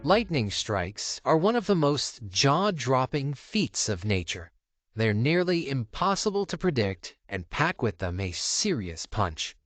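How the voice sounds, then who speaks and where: For a video countdown, a man reads scripted documentary-style narration in a deliberate, dramatic manner, his pitch swinging a lot to give each phrase an animated lift. The sound is close and dry, without any room echo.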